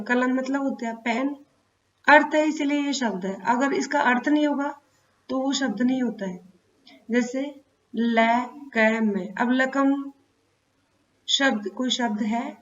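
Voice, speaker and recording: Female teacher for young children, fairly high voice, slow, sounds out each word, dull lo-fi recording. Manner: slow, spells out words sound by sound. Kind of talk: Hindi grammar lesson for children.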